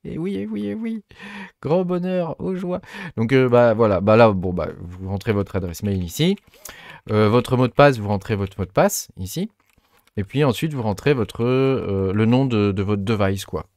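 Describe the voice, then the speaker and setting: Low-voiced man, hesitant tutorial talk. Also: moderate pace, darkish tone, dry recording. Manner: hesitant, many fillers and restarts; chatty, self-mocking asides. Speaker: tech tutorial host. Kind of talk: casual screen-recorded tutorial.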